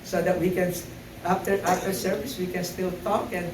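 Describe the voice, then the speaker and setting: A man's high-pitched voice, fairly even in intonation and moderate in pace, carries a sermon through an echoey church sanctuary, recorded at a distance with background noise. He hesitates with many fillers before building to insistent repeated phrases.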